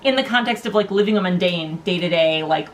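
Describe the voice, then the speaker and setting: A woman's voice: on the low side, fairly quick. A woman co-hosting a book review, chatting casually in rambling, informal, stop-and-start phrases. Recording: noticeable background noise.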